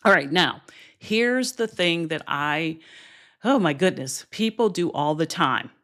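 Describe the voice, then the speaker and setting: A woman's voice: lowish voice, animated, unhurried, fairly bright tone. A woman business coach talking directly to viewers on a livestream, encouraging and direct, with asides to her audience. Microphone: streaming camera setup.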